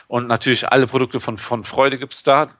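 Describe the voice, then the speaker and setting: A man's voice: mid-range voice, level tone, a little fast, a bit bright, dry recording. Chatty man, dry close sound. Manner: chatty, joking, full of fillers. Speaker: podcast co-host. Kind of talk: casual chat.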